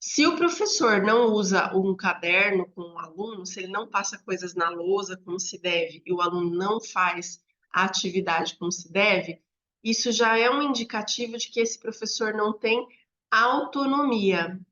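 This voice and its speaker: A Brazilian woman training teachers, explaining classroom methods step by step in a conversational way, often checking in with a quick "né?". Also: medium pitch, a bit bright. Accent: Brazilian Portuguese. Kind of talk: instructional talk to teachers. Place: home room near a street. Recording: slightly dull lo-fi audio.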